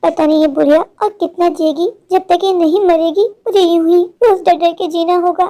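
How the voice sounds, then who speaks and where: A woman's voice: very high-pitched, steady tone, normal speed, mellow. A woman voicing a scheming selfish wife. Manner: scornful, cold. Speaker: voice actor.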